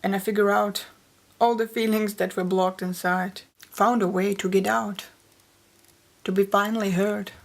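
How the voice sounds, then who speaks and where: Soft-spoken woman, flat delivery. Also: mid-range voice, measured pace, vocal fry. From Austria. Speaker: poet and author. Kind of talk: personal interview storytelling.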